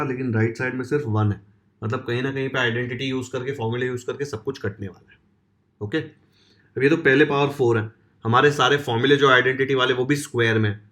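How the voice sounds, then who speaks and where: A man with a voice of middle pitch teaches school maths. He talks to the students in an informal, friendly way and walks them through each step as he writes it. His pace and tone stay those of an ordinary classroom lesson.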